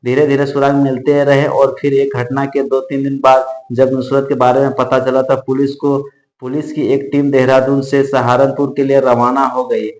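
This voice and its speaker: A man's voice: mid-range voice, little pitch movement, normal speed, darkish tone. A man narrating a true-crime case in an unscripted way, often restarting and correcting himself mid-sentence. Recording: echoey room.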